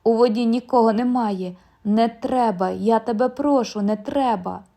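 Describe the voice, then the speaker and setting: A woman's voice: mid-range voice, steady tone, moderate pace, dark tone, close to an everyday voice. A woman voicing an anxious wife who urges her husband to leave and pleads with him. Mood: pleading. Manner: urgent, pleading.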